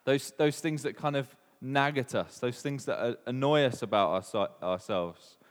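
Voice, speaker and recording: In a hall with long reverb, a man with a Welsh accent preaches informally at a moderate pace and medium pitch. He chats with the congregation, asks them questions and says um a lot.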